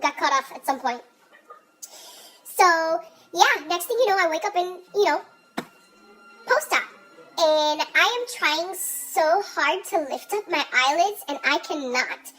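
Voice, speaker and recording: A woman's voice: high voice, a bit bright, rough recording. A young woman with a congested, blocked-nose sound, telling a story casually in exasperated, sweary, emphatic slang.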